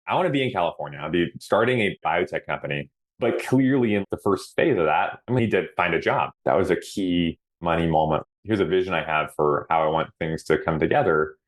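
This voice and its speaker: Low-voiced man, thoughtful interview guest. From Hawaii. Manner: earnest and reflective, often slows down to stress words. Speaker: podcast guest. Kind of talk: casual interview answers.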